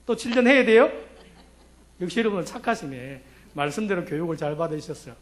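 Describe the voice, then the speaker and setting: A man's voice: high-pitched, lively intonation, fairly quick. A male pastor preaching a sermon, telling a story and asking the congregation rhetorical questions.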